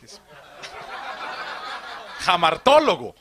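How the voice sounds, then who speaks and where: A man from Colombia, a priest, giving an animated theology talk to a live audience, asking questions and joking. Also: high-pitched, drawn-out words, slight background noise. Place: retreat hall.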